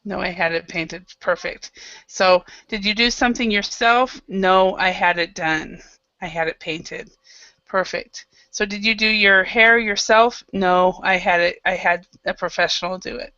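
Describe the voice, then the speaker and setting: A woman from Idaho leads an online English class with a bright, forceful voice. She sounds patient and encouraging, leaning on plenty of fillers. Her voice is dry and close, over slightly dull lo-fi video-call audio. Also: medium pitch, unhurried, no room sound. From Idaho, United States. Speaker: English teacher.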